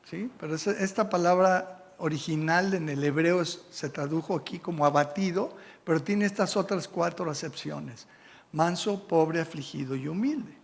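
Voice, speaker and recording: Reading scripture and checking in with the congregation, a Mexican Spanish-accented pastor preaches in a church sanctuary. His voice is a little high with some vocal fry, his pace is normal, and the sound trails off in a long reverb.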